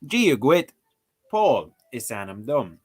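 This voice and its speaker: Working through a language lesson on his livestream, a man offers casual commentary with jokes and mock exclamations. His mid-range voice is very animated but slow, a little mellow, and has a breathy edge.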